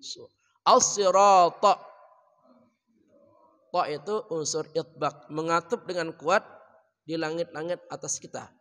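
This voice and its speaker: A high-voiced Indonesian-accented man leads a recitation lesson in a mosque, chanting verses slowly and then dropping into quiet, rapid explanation. His voice rings out in the long echo of a large hall. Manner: chants verses melodically, then explains pronunciation softly and quickly. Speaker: Quran teacher.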